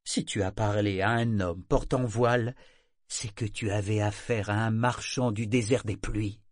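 A man voicing a stern elderly grandmother who speaks gravely and deliberately in an audiobook. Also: on the low side, steady tone, no echo, studio quality, lightly acted. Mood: scolding.

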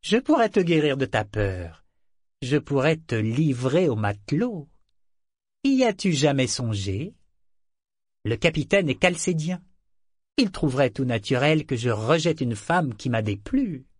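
Audiobook villain: a man doing a cruel, drugged governor, high and strained, barking and sneering. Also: sing-song, a little slow, no room sound, clean studio sound. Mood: mocking. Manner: barking orders, mocking, bursts into shouts.

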